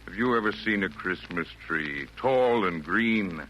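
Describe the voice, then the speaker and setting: Jolly but firm old Santa, eloquent rhymed verse, theatrical 1940s radio drama, lowish pitch, very lively intonation. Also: male voice, unhurried. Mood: tender, lyrical. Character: Santa Claus, jolly yet firm, wise old man. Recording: noisy vintage 1940s radio broadcast.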